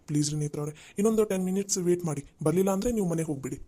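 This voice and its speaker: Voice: medium pitch, rapid-fire, warm tone, natural voice. A performer voicing a friendly young man at the office who chats in a worried, rambling way. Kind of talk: cartoon voice acting.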